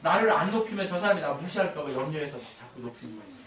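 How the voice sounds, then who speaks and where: Animated high-voiced male pastor preaching. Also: racing, echoey room, recorded from a distance, a little hiss or hum. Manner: animated preaching with rhetorical questions to the congregation. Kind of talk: sermon. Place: church sanctuary.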